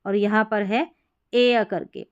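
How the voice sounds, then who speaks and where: A woman teaching English spelling and pronunciation rules, patiently repeating each word slowly and asking her learners questions as she goes. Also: medium pitch, fairly even intonation, clean tone, lo-fi sound. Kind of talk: explaining spelling rules from a board.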